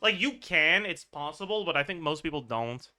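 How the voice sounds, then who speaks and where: A man's voice: fairly high pitch, expressive, normal speed, bright, forceful tone, soft background music. A man streaming a game, chatting casually and thinking aloud, swearing and laughing as he works through numbers. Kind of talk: livestream game chat.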